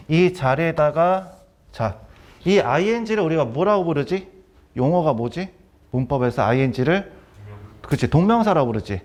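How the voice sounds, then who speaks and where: A middle-aged man lecturing on vocabulary and grammar, repeating key terms and quizzing students with quick questions. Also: fairly high pitch, a little mellow. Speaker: academy director teaching vocabulary.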